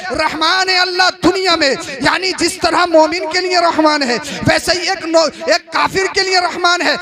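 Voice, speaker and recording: A man preaching a religious sermon who repeats his phrases and builds to impassioned shouting. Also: very high voice. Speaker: Islamic preacher. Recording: live event with crowd behind.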